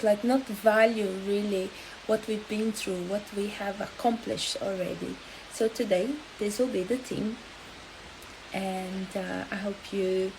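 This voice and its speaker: Slow, halting woman. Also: medium pitch, a little mellow, slight background noise, poor audio. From Angola. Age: 30s. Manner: halting and hesitant, with many pauses. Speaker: health coach. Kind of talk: live-stream talk.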